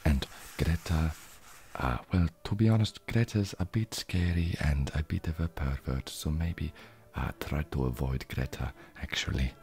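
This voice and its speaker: In an ASMR comedy, a man plays a vampire with a put-on foreign vampire accent, speaking very low and slow in a soft, halting way. He's awkwardly friendly and desperate to seem trendy, with a fondly gossiping mood, and the room sounds echoey.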